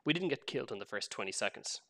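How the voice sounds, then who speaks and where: Joking man, bright voice. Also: medium pitch, lively intonation, fast. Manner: joking, rambling. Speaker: co-host. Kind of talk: casual game stream chat.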